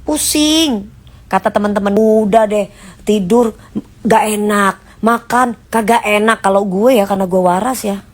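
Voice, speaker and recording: A woman's voice: medium pitch, fairly even intonation, moderate pace. A woman ranting casually on a live stream, answering viewers' comments in a blunt, mocking way. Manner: blunt and mocking, in Jakarta slang.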